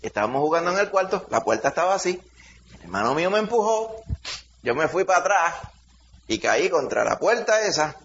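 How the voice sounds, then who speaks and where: A middle-aged man with a Dominican accent, a pastor leading a Bible study by telling a lively childhood story with shouted sound effects. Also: a little high, fairly quick. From Dominican Republic. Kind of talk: preaching through a personal story. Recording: dull lo-fi sound, faint hiss.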